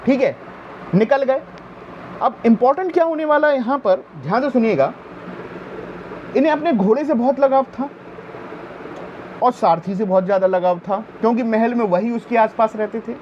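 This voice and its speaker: A man with a high voice gives an exam-prep history lecture. He quizzes the class and answers his own questions, and he keeps reminding them to pay attention. The recording is dull and lo-fi, with faint noise underneath. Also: lively intonation, moderate pace, long pauses. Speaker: teacher.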